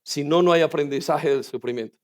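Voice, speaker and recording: A male pastor preaching a sermon in a church hall, moving between raised pleading lines and quiet earnest ones. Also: on the high side, a little fast.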